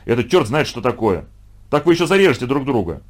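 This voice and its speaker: A man voicing a stern, fussy older male math teacher who scolds and booms, in a storybook reading. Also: sing-song, fast talker. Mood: booming. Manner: scolding, booming.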